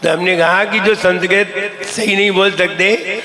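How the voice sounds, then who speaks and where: A man giving a sermon as a monk, who chants verses slowly and then explains them in a chatty, teasing way to a live audience. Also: sits high, steady tone. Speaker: Jain monk teaching. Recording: live crowd heard behind.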